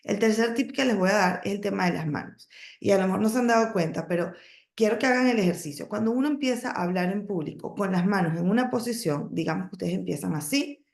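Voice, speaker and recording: A woman giving a training talk on public speaking, coaching her listeners with emphatic points, pauses and self-corrections. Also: mid-range voice, gravelly, darkish tone, reverberant. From emigrated to the United States, lives in Texas. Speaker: network marketing trainer.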